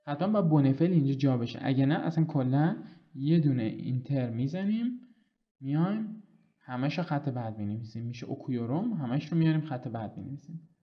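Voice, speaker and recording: Male language tutor, mid-pitched, patient and explanatory, slows down for examples; dull lo-fi recording. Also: lively intonation. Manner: patient explaining, reads example sentences slowly and clearly. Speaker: language teacher. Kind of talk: online language lesson.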